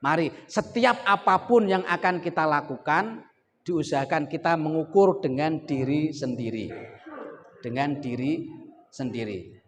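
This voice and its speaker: Preaching in a Javanese accent, this Islamic cleric jokes with his listeners and repeats key words to stress them as he tells a comic story within his sermon. He speaks a little high and a little slow. Faint noise and the echo of a hall surround him.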